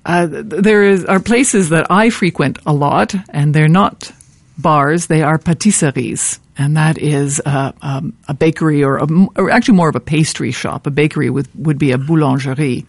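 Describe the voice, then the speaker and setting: Woman author, mid pitch with some vocal fry, halting and friendly, careful with each French term, close and dry. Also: dry recording. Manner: hesitant, with frequent fillers and restarts; says each French word slowly and carefully, then explains it. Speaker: author giving a pronunciation guide. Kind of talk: informal spoken pronunciation guide.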